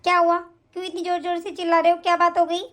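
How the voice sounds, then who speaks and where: A woman voicing a sharp-tongued young sister-in-law in an animated story, snappy and accusing. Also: extremely high pitch, rapid-fire, pitched below the performer's own voice. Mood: irritated.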